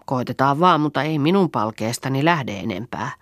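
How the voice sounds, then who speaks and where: A woman voicing a frightened farm girl lost in the forest at night, calling out loudly to urge the others on. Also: extremely low pitch, expressive, dry recording, studio quality. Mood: urging. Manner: calls out loudly, urging the others on.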